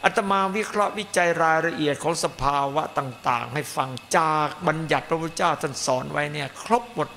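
A man's voice: a little high, brisk, creaky, few pauses, pushed and bright. A man, a Buddhist monk teacher, giving a dharma talk and stressing points by piling up repeated phrases. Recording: echoey hall, faint noise.

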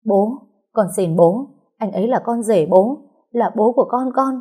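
A woman's voice: mid-range voice, a little slow, mellow, slightly rough, voice pushed up. A woman voicing a desperate young wife and mother who begs tearfully, in a storybook reading. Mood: pleading. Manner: tearful begging. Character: desperate young pregnant-mother daughter, pleading.

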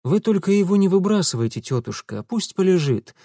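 A reader voicing an exhausted young man who talks hoarsely and slurs his words. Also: high-pitched, very animated, a little fast, mellow, dry recording, studio quality, pitched above the performer's own voice, heavily acted. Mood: weary.

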